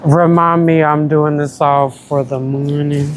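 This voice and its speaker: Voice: medium pitch, little pitch movement, unhurried, background noise. A vlogger with an American country accent, chatting casually to viewers while shopping in a store and calling them y'all. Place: store, indoors.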